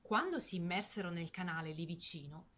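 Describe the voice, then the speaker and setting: A woman telling a fairy tale to children, expressive and lingering on words. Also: on the low side, a little fast, a little hiss or hum. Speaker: storyteller. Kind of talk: storybook narration for children.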